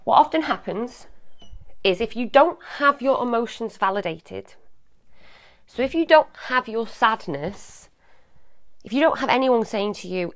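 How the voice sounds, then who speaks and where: Gentle reassuring woman, dry close sound. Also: medium pitch, dry recording. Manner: gentle, reassuring, speaks directly to the viewer with frequent "yeah?" check-ins. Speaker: host of a live advice show. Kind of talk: live-streamed advice talk to viewers.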